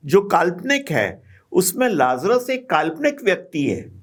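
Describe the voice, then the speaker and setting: Male scripture teacher, unhurried, measured and explanatory. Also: sits high, very animated. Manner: slow, patient, with frequent pauses and fillers. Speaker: Bible teacher. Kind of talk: explaining scripture in a group Bible study.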